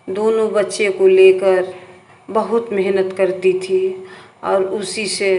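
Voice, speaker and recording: Slow, flat-voiced woman storyteller. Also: mid-range voice. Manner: slow, plain, homely telling. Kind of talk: moral folk-tale narration. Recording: roomy echo, faint background noise.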